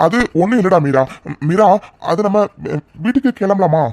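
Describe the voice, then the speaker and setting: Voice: mid-range voice, animated, moderate pace, a little mellow, dry recording, faint music behind, lightly acted. A voice actor playing a protective older brother in a cartoon dub, firm and concerned. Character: protective older brother, stern young man.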